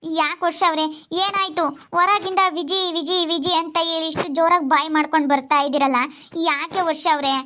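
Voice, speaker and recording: A woman's voice: very high voice, fairly even intonation, fairly quick, pushed and bright. A woman playing a desperate young wife who pleads to stay. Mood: startled. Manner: pleading, tearful. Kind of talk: amateur family drama skit.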